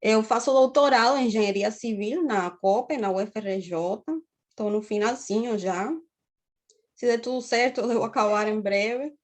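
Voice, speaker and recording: A woman's voice: on the high side, normal speed. A woman in her thirties from Cuba with a Cuban accent, giving a university lecture on a video call and explaining steadily, often checking in with her students. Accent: Cuban Spanish. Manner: explanatory, often tags phrases with "né?". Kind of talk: online class lecture.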